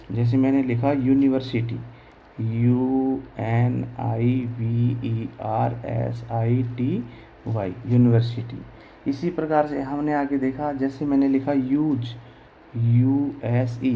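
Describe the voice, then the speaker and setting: A man's voice: mid-range voice, dark tone, slight background noise, rough recording. A man teaching English pronunciation, spelling words letter by letter and answering his own questions as he explains. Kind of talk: slow classroom explanation in Hindi.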